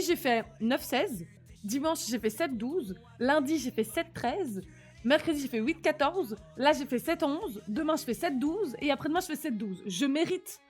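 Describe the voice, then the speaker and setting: A young woman with a slight lisp and slushy s sounds, chatting casually and animatedly in slang as she livestreams. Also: high voice. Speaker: live streamer.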